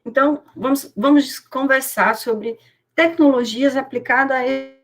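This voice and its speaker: A woman's voice: high voice, measured pace, a bit bright. A woman giving an online lecture as a professor, her audio corrupted and cutting out over a video call, with hesitant fillers. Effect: corrupted glitchy audio, cutting in and out.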